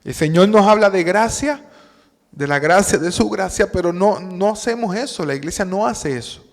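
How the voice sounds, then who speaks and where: A man with a Puerto Rican accent preaching a sermon, telling a story and acting out its dialogue in a calm voice. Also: sits high, normal speed. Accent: Puerto Rican Spanish. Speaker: pastor. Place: church hall. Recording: long church-hall reverb.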